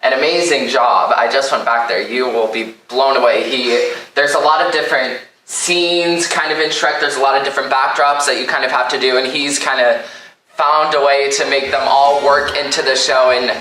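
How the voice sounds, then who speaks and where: A young man hosting a casual interview show, upbeat and chatty, quick to laugh. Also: medium pitch, steady tone, sharp tone, slight background noise. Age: young adult. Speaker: talk show host. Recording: echoey room, mic at a distance.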